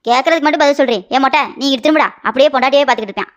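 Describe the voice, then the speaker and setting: A woman voicing a sharp-tongued, scolding middle-aged mother-in-law in a cartoon comedy. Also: high voice, natural voice. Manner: rapid scolding and mocking.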